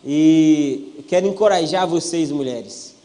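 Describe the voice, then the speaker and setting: A man's voice: fairly high pitch, a little slow, mellow. A young Brazilian man preaching as a pastor, telling his own story with jokes and acting out what people said. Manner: storytelling with jokes and acted-out quotes. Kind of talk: humorous testimony sermon.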